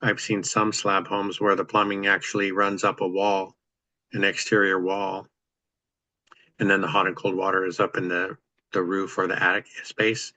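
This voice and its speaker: A man with a deep, crisp-toned voice chats on a video call about practical landlord matters. He explains at length in an easygoing, matter-of-fact way, his pitch staying fairly level. The sound is dry and close. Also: little pitch movement, moderate pace, pushed and bright, no room sound, rough recording. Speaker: real estate investor host. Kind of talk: casual chat on a video call.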